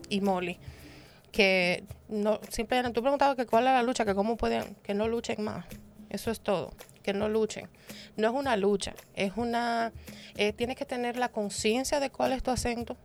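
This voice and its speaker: A woman with a gravelly, creaky edge to her voice talks through her points on a discussion panel. She explains at length, building each idea and often checking in with the listener along the way. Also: medium pitch. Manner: explanatory, reasoning aloud with frequent tag questions. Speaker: panel guest.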